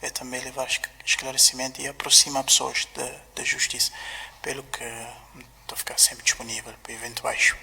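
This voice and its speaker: A man, a prosecutor, speaking in a formal, measured way. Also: medium pitch, level tone, gravelly, sharp tone, in a large hall. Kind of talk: interview.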